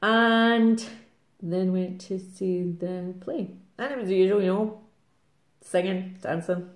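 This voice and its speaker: Scottish lady nattering fast to camera, lots of laughs, echoey room at home. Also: mid-range voice. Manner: rambling, fast-talking, laughs often. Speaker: craft vlogger. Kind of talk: casual chat to camera. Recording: roomy echo.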